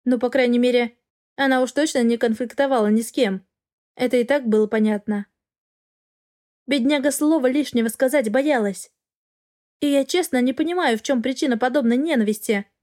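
A woman narrating a first-person fantasy novel with an expressive, wry inner voice. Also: fairly high pitch, moderate pace. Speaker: audiobook narrator.

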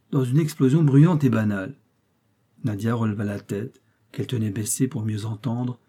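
A man narrating a classic novel as an audiobook, in a measured literary reading. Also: mid-range voice, mellow, husky.

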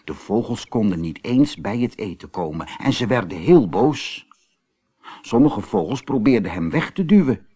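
A storyteller with a lowish, slightly rough voice reads a children's fairy tale aloud, expressive and unhurried.

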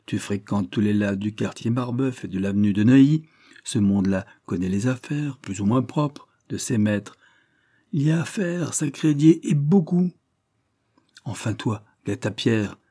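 A man voicing a burly, pompous middle-aged detective chief who bullies and lectures his men, in a raised, hectoring voice with a husky edge. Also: fairly low pitch, dark tone, no echo, clean studio sound.

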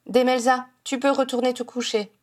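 A woman reader voicing a calm, firm male head of a wizard police force. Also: sits high, moderate pace, pitched above the performer's own voice, lightly acted.

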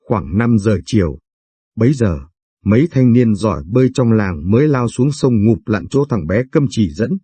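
Male narrator for a somber story read-aloud, low, husky, close and dry. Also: lively intonation, normal speed, dark tone, no echo.

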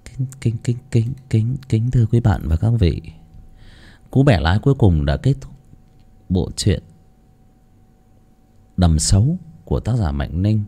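A man's voice: fairly low pitch, big pitch swings, measured pace, pauses often, dark tone, breathy edge. A man narrating a dramatic audiobook, theatrical in the story and candid and chatty when he talks to listeners afterward.

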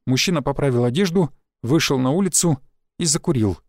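A man narrating an audiobook in a steady, even storytelling voice. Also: mid-range voice, a little fast, no room sound, clean studio sound. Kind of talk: scripted narration.

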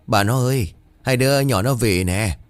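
A man reading a ghost story, voicing a stern, protective old grandfather who speaks gruffly. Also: mid-range voice, moderate pace, no room sound, pitched above the performer's own voice, natural voice. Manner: gruff, indignant.

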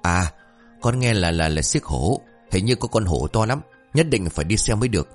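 A man's voice: lowish voice, normal speed, soft background music. A man doing a whiny young villager. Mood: eager. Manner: raised, whiny and excitable. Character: cheeky young male villager, talkative.

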